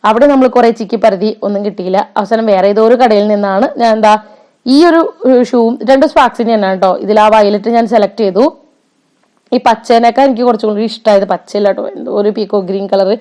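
Fast-talking chatty woman vlogger. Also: mid-range voice, steady tone, dark tone. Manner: chatty, often adds tag words and fillers. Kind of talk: casual voice-over narration.

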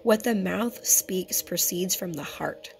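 A hoarse woman who keeps clearing her throat, giving an earnest, conversational scripture teaching to her viewers. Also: on the low side, slow pace, a little hiss or hum. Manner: earnest and conversational, addresses viewers as brothers and sisters. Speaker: teacher of a Torah fellowship. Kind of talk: home-made teaching video.

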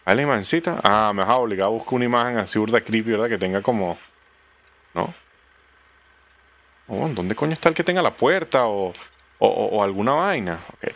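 In lo-fi audio, a young Venezuelan-accented man narrates his horror game let's play with lots of excitement. He swears frequently and keeps leaping into shrill, squeaky outbursts.

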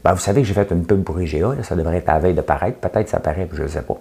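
A man's voice: sits low, rapid-fire, creaky, mellow. A middle-aged man with a Québécois accent giving a casual, opinionated monologue as the host of his own show, joking and sarcastic, full of "tu sais". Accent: Québécois French. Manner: chatty, sarcastic, jokes at his own expense, frequent "tu sais". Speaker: host of a daily commentary show.

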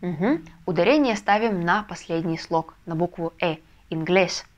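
A woman teaching a video lesson, explaining step by step with patient, soft confirmations. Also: fairly low pitch, lively intonation, measured pace. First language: Russian. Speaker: Spanish language teacher. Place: language school in a Russian city.

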